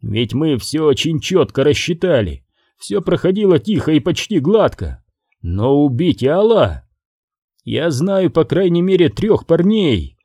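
A male audiobook reader voicing a furious middle-aged crime boss who shouts and bites off each word. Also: a little high, no room sound, clean studio sound, pitched above the performer's own voice, exaggerated voice.

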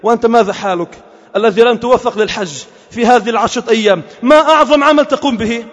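A man delivers a fervent Friday sermon, pressing his points and climbing to shouted calls. His voice is pitched very high. The sound rolls around a big, reverberant mosque hall. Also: fast, lo-fi sound. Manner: impassioned, rising to shouted exhortation. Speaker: Friday preacher.

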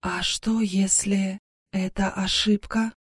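A capricious AI companion, as voiced by a woman, lives in the hero's head in this audiobook. She speaks slowly and softly, in a mellow, darkish tone, musing and wheedling by turns. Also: medium pitch, expressive. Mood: pensive. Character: capricious female AI partner inside a man's head. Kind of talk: audiobook character voice.

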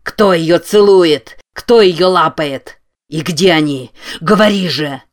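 A man playing a hoarse, menacing brute. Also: mid-range voice, level tone, a little slow, warm tone. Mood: furious shouting.

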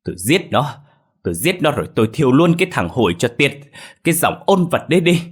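A man voicing a furious, proud old village patriarch who curses and shouts at his daughter. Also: medium pitch, sing-song, fast talker, husky, voice pushed up. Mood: raging. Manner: shouting, cursing, raging.

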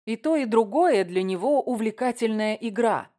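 A woman's voice: a little high, moderate pace, lightly acted. A woman voicing a flustered young TV host. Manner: uncertain, trying to calm things.

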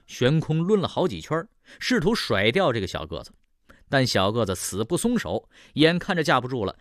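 A man narrating a traditional tale in a dramatic style, voice rising and falling with the action. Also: mid-range voice. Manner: dramatic, swelling rises and falls. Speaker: storyteller. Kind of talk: traditional Chinese storytelling narration.

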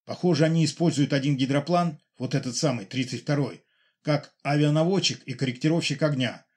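A man voicing a level-headed major who explains the situation in measured tones. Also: on the high side, a little mellow, lightly acted. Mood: calm. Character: calm male major, intelligence officer.

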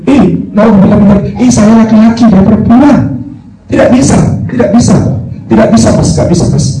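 A man's voice: high-pitched, a little fast, mellow, voice pushed up, natural voice. A man putting on a flustered pious hermit. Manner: flustered, refusing. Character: pious, jittery young male hermit. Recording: echoey hall, distant mic, music behind.

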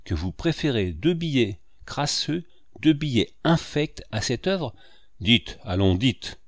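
A man's voice: mid-range voice, sing-song, slow, no echo, clean studio sound. A man reading the part of a hot-headed heavy-set man who fires vehement questions. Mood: furious.

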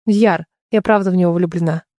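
A male audiobook reader voicing a quick-tongued, stubborn young bride who fires back defiant retorts. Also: high voice, steady tone, darkish tone, no room sound, pitched above the performer's own voice, natural voice. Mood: pleading.

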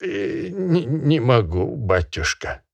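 A timid old peasant poacher bleats in a high, quavering falsetto, as a man puts him on, stumbling over every phrase with nervous "e" sounds. His pitch jumps about as he pleads, and it sits in a dry, close sound for a storybook reading. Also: sing-song, takes it slowly, creaky, no echo, dull audio, heavily acted. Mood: fearful, pleading. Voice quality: high trembling falsetto with hesitant "e" fillers.

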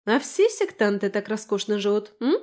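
A woman's voice: mid-range voice, very animated, normal speed, a little mellow, lightly acted. A woman voicing a brash, sarcastic, chatty young woman in an audiobook, teasing and mocking. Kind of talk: audiobook character voice.

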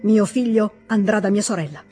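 A reader voicing a stern, cold aristocratic husband, with a shrill, curt and contemptuous manner, in an audiobook reading. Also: moderate pace, mellow, soft background music, lightly acted.

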